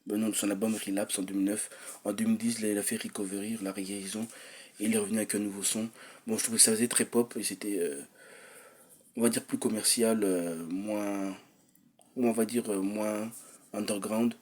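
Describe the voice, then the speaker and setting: A young man rambles through a personal vlog, hesitant, circling back with fillers and restarts. His voice sits a little low and has a husky edge. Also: little pitch movement, brisk, darkish tone. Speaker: vlogger.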